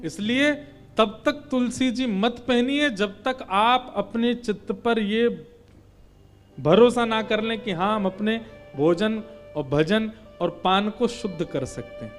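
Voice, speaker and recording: A man's voice: high voice, slow. A man giving a devotional sermon as a preacher, emphatic and rising into fervent appeals. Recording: faint instrumental music behind.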